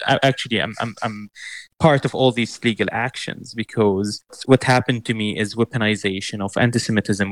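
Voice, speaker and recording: Man, young adult, from syria, low pitch, gravelly, interview guest, earnest, restarts often. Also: no echo. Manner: earnest, measured, with frequent restarts. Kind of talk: broadcast interview answers.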